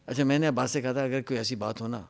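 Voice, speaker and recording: A man telling his life story in an interview. He acts out an angry interrogator and drops to a hushed voice for his own answers. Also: steady tone, vocal fry. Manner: drops to a hushed, low voice when quoting himself.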